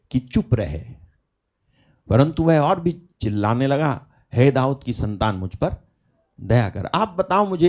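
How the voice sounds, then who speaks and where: Emphatic preacher with a higher male voice. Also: darkish tone. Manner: emphatic, full of rhetorical questions and hallelujahs. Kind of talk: sermon; live online prayer meeting.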